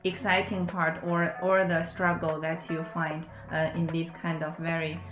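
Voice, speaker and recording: A woman's voice: deep voice, monotone, unhurried. Woman podcast host in an echoey room. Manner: asks questions with frequent fillers. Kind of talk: casual podcast conversation. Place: indoor room in Amsterdam.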